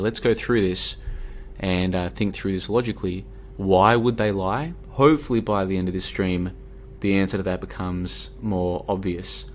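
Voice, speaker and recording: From a room at home, a tired Australian man delivers a casual, argumentative monologue on his own livestream, full of fillers and restarts. His voice is fairly low, and a faint hiss runs underneath.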